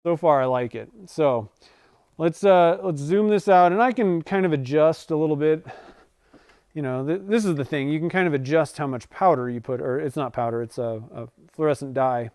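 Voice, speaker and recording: Smooth-voiced man in his forties, rambling. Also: a little high, normal speed, darkish tone, dry recording, studio quality. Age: 40s. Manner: rambling, self-correcting, chuckles often. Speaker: livestream host. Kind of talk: casual livestream chat. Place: home workshop.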